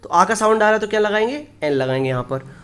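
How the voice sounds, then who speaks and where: A man teaching English grammar in Hindi. He explains step by step, asks the class questions and answers them himself, and reads the example sentences slowly. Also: high-pitched, animated, a bit bright.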